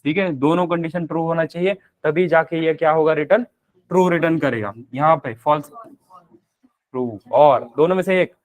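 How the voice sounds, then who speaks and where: Man teaching a coding class, rhetorical questions. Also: a little high. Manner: mixes Hindi with English technical terms. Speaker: programming instructor. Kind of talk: live classroom coding lecture.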